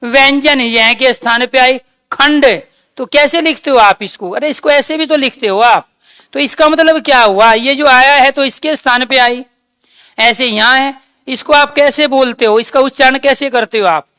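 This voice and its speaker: A woman teaching a grammar class, speaking slowly and dictating points, posing questions to her students and then answering them. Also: high-pitched, fairly bright tone, clear, resonant tone, no room sound, studio quality. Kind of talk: online class lecture.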